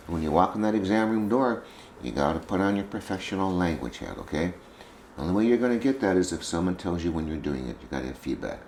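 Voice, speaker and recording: A man's voice: on the low side, a little hiss or hum. A man giving an informal, conversational lecture to a group of veterinary students. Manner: folksy, conversational, repeats points. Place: conference room with students. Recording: echoey room with faint ambience.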